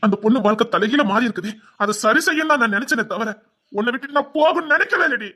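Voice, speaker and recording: A man's voice: animated, rapid-fire, exaggerated voice. A man with a Tirunelveli Tamil accent, voicing a wronged and vengeful husband in a dubbed family drama, scolding bitterly. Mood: seething. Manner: bitter, scolding, swinging between shouts and low mutters.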